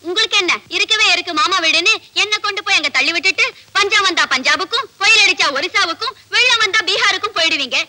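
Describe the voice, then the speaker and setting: A woman's voice: extremely high pitch, fast talker, hardly any pauses, bright, forceful tone, slight background noise, exaggerated voice. An actress playing a pert young woman who teases and talks back coyly in a 1970s Tamil film. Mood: teasing. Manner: teasing, coy back-talk. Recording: film soundtrack with clear music.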